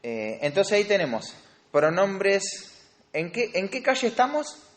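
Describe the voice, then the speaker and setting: A man's voice: sits high, big pitch swings, a little slow. A man with a Rioplatense Spanish accent teaching a Bible study class on grammar, explaining step by step and quizzing his students. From Argentina. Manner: explanatory, asks the class questions.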